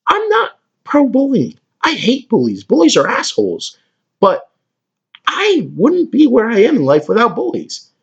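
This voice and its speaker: A man ranting crudely and mockingly as a comedy podcast host, with a husky voice. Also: very high voice, huge pitch swings, measured pace. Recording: dull lo-fi recording.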